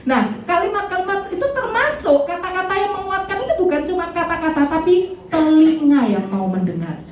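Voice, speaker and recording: A woman's voice: very high-pitched, sing-song, normal speed, a little mellow, dull audio. A woman evangelist with an East Javanese accent gives a chatty, humorous sermon to married couples and asks the audience questions. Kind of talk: lively sermon to a couples' fellowship. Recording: echoey hall from far off with faint background noise.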